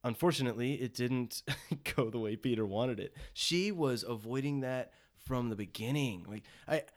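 A man co-hosting a casual chat, animated and laughing often as he retells scenes. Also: medium pitch. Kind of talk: casual chat about a dating show.

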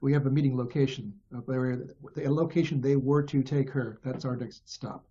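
A man playing a tabletop role-playing game, asking quick questions, heard on a lo-fi line. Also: mid-range voice, steady tone, mellow, husky. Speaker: player.

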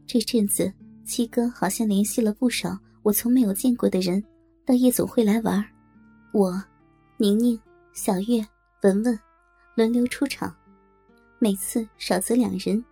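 A woman reading a first-person adult audio novel in a steady, intimate storytelling manner. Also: medium pitch, a little slow, creaky, pauses often, husky, dry recording, faint music behind. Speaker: narrator.

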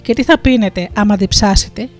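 A storyteller gives voice to a fatherly sun in a spoken folktale, asking gentle, caring questions in a mid-pitched voice. Faint music plays underneath. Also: close to an everyday voice. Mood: questioning. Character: kindly sun as a lordly old man.

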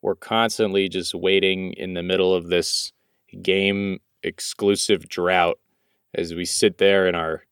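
A man's voice: low-pitched, flat delivery, a little slow, a bit bright, clear, resonant tone, no room sound, clean studio sound. A young man co-hosting a gaming podcast in casual banter, swearing and joking as he goes. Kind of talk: casual banter and game chat.

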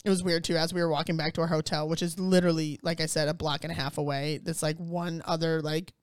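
A woman chatting casually, telling an animated story full of swearing and fillers. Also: sits low, fast, smooth, no echo. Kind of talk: casual chat.

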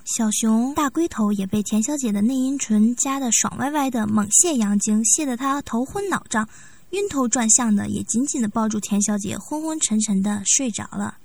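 A woman narrating a story in a steady, even reading voice. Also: a little high, slightly rough. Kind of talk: scripted audiobook narration.

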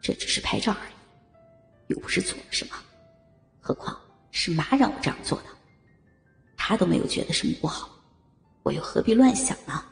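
A woman puts on a young son's voice, pitched down and breathy, half-whispered. He banters and teases, a little rattled, in a gravelly low register with faint music underneath. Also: lively intonation, normal speed, long pauses, full character voice. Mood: hushed. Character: young adult son, teasing and flustered.

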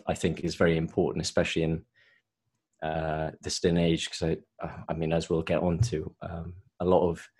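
A man with a soft South Welsh accent, chatting casually as a guest in an interview. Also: deep voice, slightly rough. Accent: South Welsh, softened. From South Wales. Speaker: podcast guest, solicitor.

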